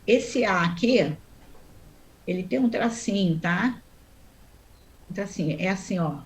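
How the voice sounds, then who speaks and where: A woman's voice: medium pitch, expressive. A woman teaching a Sanskrit class online, explaining step by step and often checking in with her students. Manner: chants mantra syllables slowly.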